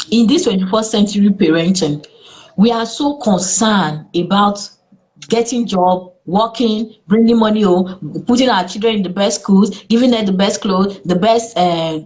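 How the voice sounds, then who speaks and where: A Nigerian woman speaking as a therapist in an interview, earnest and lively, with exclamations in her stories. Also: medium pitch. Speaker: therapist guest. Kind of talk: interview conversation.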